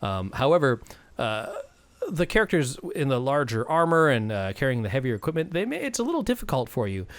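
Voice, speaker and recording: A man's voice: medium pitch, big pitch swings, fairly quick, dry recording. A man hosting and narrating a tabletop game as game master, casual and jokey, feeling for his words. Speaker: game master and stream host.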